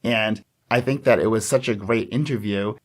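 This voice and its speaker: A man co-hosts a library podcast, chatting casually and joking, laughing and restarting sentences along the way. His voice is on the low side, and he speaks at a moderate pace.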